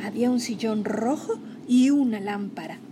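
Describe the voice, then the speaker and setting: A woman's voice: a little high, moderate pace, background noise. A woman reading a children's novel aloud, expressively and with acted-out dialogue. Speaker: reader.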